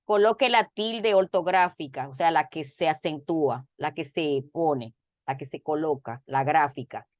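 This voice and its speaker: Slow, deliberate woman teacher on a video call. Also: deep voice, dry recording, clean studio sound. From Dominican Republic. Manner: slow, deliberate, repeats phrases. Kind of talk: online grammar lesson.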